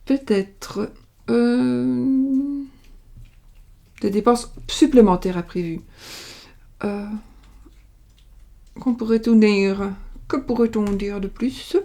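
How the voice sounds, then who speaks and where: A middle-aged woman from France lays out cards and talks through a casual reading. Her voice is mellow and soft, never sharp. She rambles, circles back and trips over her words with plenty of fillers. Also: fairly high pitch, slow, creaky, pauses often. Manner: rambling, many fillers and restarts. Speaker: tarot card reader. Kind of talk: casual card-reading livestream. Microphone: webcam or desk mic, video call style.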